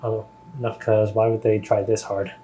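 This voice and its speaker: A man's voice: fairly low pitch, level tone, normal speed, mellow. Man thinking aloud at a game table. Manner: thinking aloud, asks many questions. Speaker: player. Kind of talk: casual tabletop game chat.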